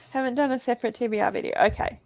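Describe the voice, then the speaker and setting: Higher-voiced woman with a gravelly edge. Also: a little mellow, dry recording. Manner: reads viewer comments aloud, chatty with small laughs. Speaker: livestream host. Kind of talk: casual livestream chat.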